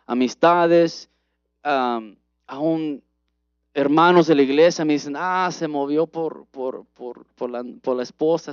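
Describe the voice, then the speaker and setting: A man preaching a personal testimony sermon in an earnest, halting way with many restarts. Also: on the high side, a little mellow, smooth, no echo. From United States. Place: church. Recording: dull, dry livestream audio.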